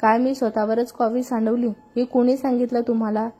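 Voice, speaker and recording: A woman's voice: on the high side, flat delivery, normal speed, dark tone, slightly rough. A woman reading a story voices a hot-tempered young working woman who snaps irritably. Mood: irritated. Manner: irritated, snapping.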